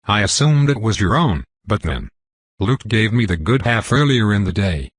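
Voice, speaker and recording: A man's voice: lowish voice, sing-song, moderate pace, a little hiss or hum. A man narrating a storybook, voicing a cautious, guarded young male student. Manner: careful, guarded.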